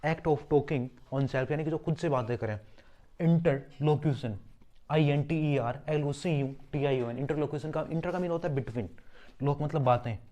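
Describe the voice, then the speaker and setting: The sound is lo-fi as a man with a slightly high, dark voice teaches exam vocabulary at a moderate pace. He spells English words letter by letter, explains where they come from and what they mean, and keeps repeating words while asking himself rhetorical questions.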